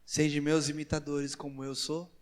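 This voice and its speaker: A man with a Brazilian Portuguese accent preaching a sermon as pastor, in slow emphatic phrases that rise to loud exclamations. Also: a little high, level tone. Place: large church hall. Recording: church hall with long reverb.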